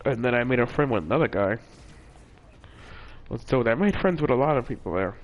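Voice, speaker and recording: A young man with an animated, mid-range voice speaks fairly quickly, recounting a personal story in a relaxed, rambling way. As a vlogger, he fills it with filler words, restarts, and self-corrections, and the sound is lo-fi.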